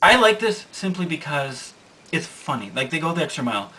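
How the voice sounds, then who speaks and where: Young man, casual manga recap, rambling, bright voice, distant mic, faint hiss. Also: fairly high pitch, very animated, fairly quick. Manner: rambling, self-correcting, amused. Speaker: manga reviewer.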